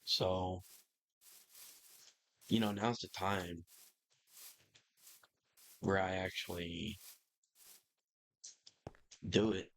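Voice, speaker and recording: A man's voice: sits low, vocal fry, slight background noise, poor audio. A young man chatting casually and rambling over his gameplay, swearing now and then. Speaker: gaming YouTuber. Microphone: computer microphone.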